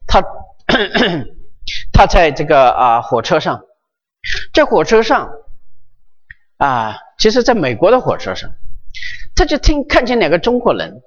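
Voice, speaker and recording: A preacher telling a Bible story as a sermon, swinging from raised high phrases to hushed, near-whispered lines. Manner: animated, pitch swinging high and low, drops to near-whisper for emphasis. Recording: dull lo-fi recording with long hall reverb.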